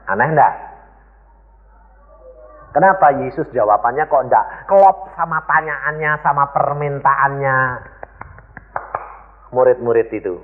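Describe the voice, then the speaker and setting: A man's voice: medium pitch, measured pace, pauses often, slight background noise. A male pastor preaching a sermon with emphatic delivery, often asking the congregation rhetorical questions. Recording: echoey hall, thin phone-like sound.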